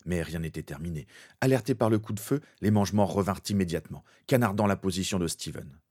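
A man narrating a fan fiction story in a steady, dramatic way. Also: deep voice, fast talker, husky.

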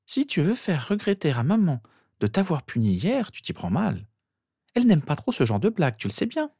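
A man voicing a skeptical, teasing teenage girl with sharp retorts. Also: fairly high pitch, very animated, normal speed, creaky, husky, dry recording, studio quality, voice pushed up, full character voice. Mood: mocking. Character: mocking skeptical teenage girl, Harry's sister.

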